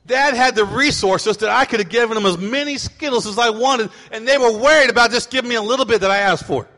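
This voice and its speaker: With an extremely high pitch and fast delivery, a middle-aged pastor tells stories in his sermon and mimics his children's voices. The sound has a big-room quality.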